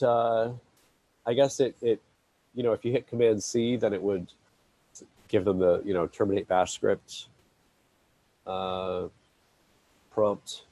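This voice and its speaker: A man's voice: on the low side, a little mellow, dry recording. A man on an online meeting call talking through a technical problem, hesitant and wry, with many restarts. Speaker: maintainer on open project call. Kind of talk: casual technical meeting talk.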